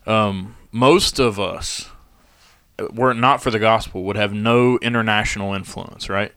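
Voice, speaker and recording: Reflective man with a lowish voice. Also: fairly even intonation, unhurried, a bit bright, clear, resonant tone, no echo, clean studio sound. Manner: reflective, hesitant, many fillers. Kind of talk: casual church podcast chat.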